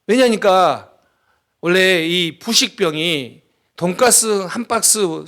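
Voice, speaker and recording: A middle-aged man preaching a sermon as pastor, telling stories with dramatic pauses and emphasis. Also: high voice, a bit bright.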